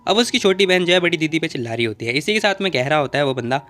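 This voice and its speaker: Fast, lively man recapping a comic. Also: fairly high pitch, faint music behind. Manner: lively, joking asides to viewers. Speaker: manhua recap narrator. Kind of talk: casual story recap narration.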